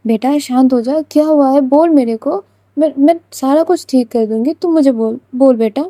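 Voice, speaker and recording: A woman's voice: high voice, moderate pace, warm tone, no echo, lightly acted. A woman voicing a middle-aged mother who fusses and coaxes protectively. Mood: coaxing.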